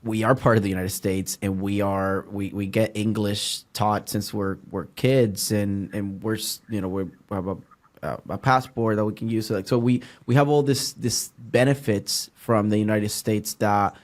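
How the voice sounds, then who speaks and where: A Puerto Rican man with a fairly low voice hosts a relaxed podcast conversation in English, his second language after Spanish. He stops and restarts often, filling gaps with "uh.". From Puerto Rico. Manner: halting, many restarts and fillers. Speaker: podcast host. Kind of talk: casual interview chat.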